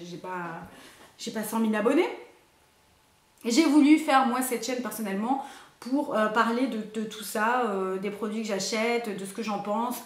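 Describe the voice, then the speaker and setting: Woman beauty vlogger, casual and hesitant, slightly high pitch, roomy echo. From Belgium. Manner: chatty, rambling with many hesitations. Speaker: beauty youtuber. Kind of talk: casual haul vlog.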